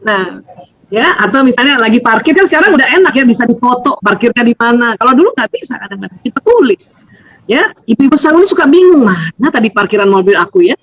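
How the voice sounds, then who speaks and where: A woman, giving a lively seminar talk as a doctor, laughing often and acting out voices. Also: fairly high pitch, fast, poor audio.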